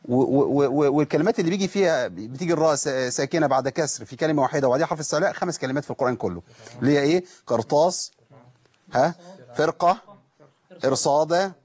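A man with an Egyptian accent hosting a live call-in Quran recitation lesson, stretching and repeating words slowly to show how they are pronounced. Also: fairly high pitch, a little mellow, husky, dry recording. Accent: Egyptian Arabic.

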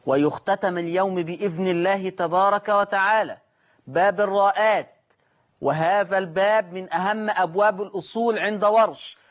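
A man's voice: high-pitched, highs cut off. A man teaching a Quran recitation lesson, asking the class questions and answering them himself. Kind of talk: tajweed lesson.

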